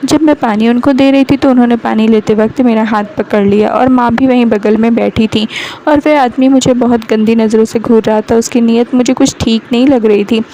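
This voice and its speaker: A woman's voice: a little high, steady tone, fairly quick, warm tone, highs cut off, slight background noise. A woman narrating a moral story in the first person, reading all the parts in her own voice. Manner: reads every part herself, mother-in-law and man included, in her own voice.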